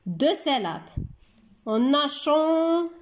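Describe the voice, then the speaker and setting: A woman teaching a children's French lesson, slowly sounding out and repeating words syllable by syllable. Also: on the high side. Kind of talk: slow French lesson for young children, explained in Arabic.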